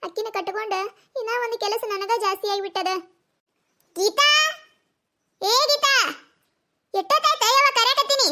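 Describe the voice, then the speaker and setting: A woman voicing a sharp-tongued, scolding village mother-in-law in a cartoon comedy, with a North Karnataka accent. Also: very high voice, moderate pace, long pauses. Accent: North Karnataka Kannada. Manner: nagging, sarcastic, scolding.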